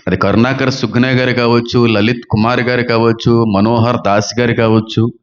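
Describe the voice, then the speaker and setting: A man preaching a sermon as a pastor, fervent and full of rhetorical questions, swinging between loud and soft. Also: medium pitch, little pitch movement. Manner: says he talks fast and gives quick counters. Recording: dull lo-fi sound.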